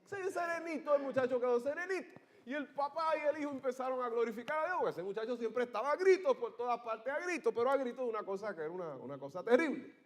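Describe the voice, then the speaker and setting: A man pastor preaching a sermon, telling the story dramatically with loud outbursts and hushed asides, calling the congregation for amens. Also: very high-pitched, expressive, fast.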